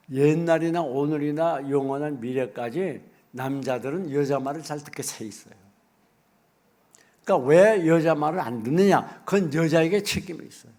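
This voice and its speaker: A middle-aged man preaching a sermon as pastor, folksy and animated, acting out little asides. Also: a little high.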